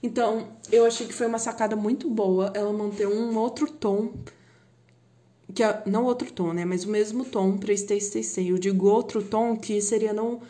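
Chatty Brazilian young woman, mellow voice. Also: mid-range voice. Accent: Brazilian Portuguese. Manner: chatty, excitable, swears and laughs often. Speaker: podcast host. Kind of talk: casual chat about music.

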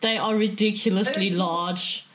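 A woman player describes her tabletop character casually and slowly. Her voice sits at an average pitch for a woman. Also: fairly even intonation, crowd noise.

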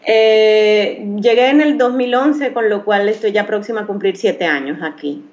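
A woman's voice: mid-range voice, measured pace, darkish tone. Hesitant woman with a Maracaibo accent. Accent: Venezuelan, Maracaibo. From Venezuela. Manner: hesitant, many restarts, thoughtful. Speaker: guest, professional makeup artist. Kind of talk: interview answers. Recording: slightly dull, lo-fi sound.

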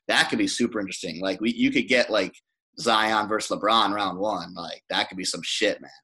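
A man's voice: fairly low pitch, a little fast, sharp tone, slightly rough. A man co-hosting a casual sports podcast, rambling with restarts and swearing. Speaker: podcast co-host.

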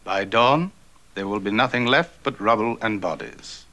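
An actor playing a bitter, domineering man in a vintage television drama, speaking with theatrical, deliberate menace. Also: fairly low pitch, pushed and bright. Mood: ominous. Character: bitter, vengeful, domineering man threatening his guests.

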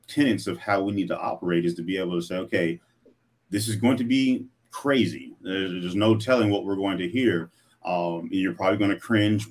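Deep voiced host guy, measured and thoughtful. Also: husky. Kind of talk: interview reflection.

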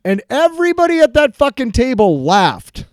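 A man co-hosting a podcast, talking in heated, profane, rambling bursts that get loud. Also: very high-pitched, sing-song, normal speed, dry recording, studio quality. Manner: gets loud. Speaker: podcast co-host. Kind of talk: heated casual chat.

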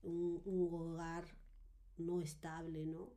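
Gravelly low-voiced woman telling a testimony. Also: flat delivery, slow pace, mellow. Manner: hesitant, many fillers and tag questions. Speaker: guest giving a testimony. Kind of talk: personal testimony in conversation.

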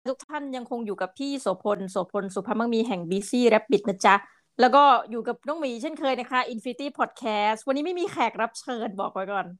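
A young woman co-hosting a casual podcast, lively, chatty and politely friendly. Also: a little high, normal speed. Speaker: podcast co-host.

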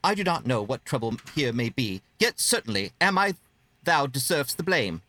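A man's voice: medium pitch, big pitch swings, normal speed, bright, forceful tone. A man voicing a fussy, anxious protocol droid in an amateur Shakespearean table read, scolding in verse.

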